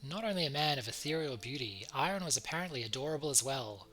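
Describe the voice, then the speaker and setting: A man's voice: medium pitch, lively intonation, fast talker, pushed and bright, a little hiss or hum, rough recording. A man hosting a let's play, reading a visual novel aloud and breaking off for wry, stop-start casual commentary. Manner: stop-start, repeats words, wry asides.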